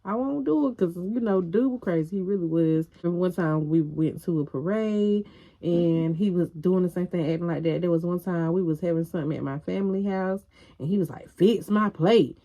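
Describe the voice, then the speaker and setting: Frank, low-voiced woman telling a story. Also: fairly quick. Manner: animated, frank storytelling with profanity, addressing viewers. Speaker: vlogger. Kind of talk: casual storytime.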